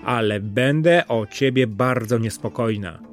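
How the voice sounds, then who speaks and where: A man voicing a small, devoted female mouse in a storybook reading, eager and quick to worry. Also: mid-range voice, soft background music, close to an everyday voice. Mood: pleading.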